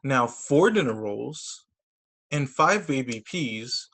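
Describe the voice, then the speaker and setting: A man acting as story time teacher reads picture books to children via video call, dropping in brief asides in an expressive, sing-song way. His pitch is medium and his pace slow.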